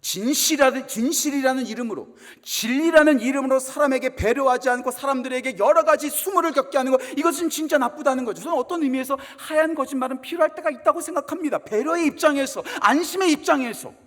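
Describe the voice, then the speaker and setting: Man, pastor, sermon, high voice, wide swings, rhetorical questions, reverberant church hall. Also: fast talker, hardly any pauses. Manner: animated preaching with rhetorical questions. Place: church sanctuary.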